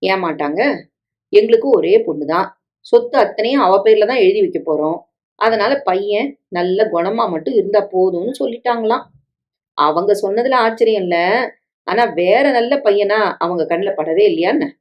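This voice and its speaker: A woman's voice: mid-range voice, normal speed, muffled recording, lightly acted. A woman voicing a scheming middle-aged stepmother who coaxes, pleads and guilt-trips, in a story reading with dialogue. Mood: persuasive. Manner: coaxing, pleading, guilt-tripping.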